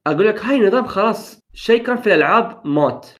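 A man's voice: high-pitched, lively intonation, rapid-fire. A young man in casual gaming chat, upbeat and enthusiastic, slipping English phrases into his talk. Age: young adult.

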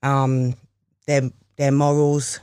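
A man's voice: medium pitch, completely flat delivery, slow pace, darkish tone, clean tone, dry recording, studio quality. A man with a London roadman accent in casual conversation, repeatedly checking that the listener understands.

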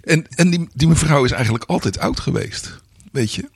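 A man's voice: on the high side, expressive, normal speed, husky, dry recording, studio quality. A man in his sixties co-hosting a podcast in casual chat, rambling and playful with many restarts. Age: 60s. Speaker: podcast co-host.

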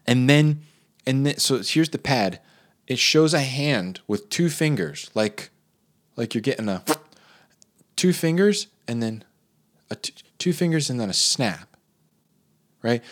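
A man tearing into an advertisement in a comedic rant. His voice sits in an ordinary middle register but swings up and down in lively leaps as he riffs, piling on fillers and incredulous questions. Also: medium pitch. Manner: animated, incredulous riffing with many fillers.

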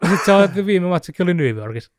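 A man's voice: high-pitched, dry recording. Chatty man telling a story. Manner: animated storyteller, mimics shouting with laughs. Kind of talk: casual chat about fighting sports.

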